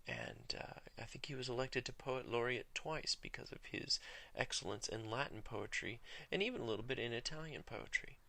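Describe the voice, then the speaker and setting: A man giving a video lesson on Latin, speaking in a measured, careful way and slowing down to spell out Latin words. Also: fairly low pitch, vocal fry, bright, forceful tone. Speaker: Latin teacher.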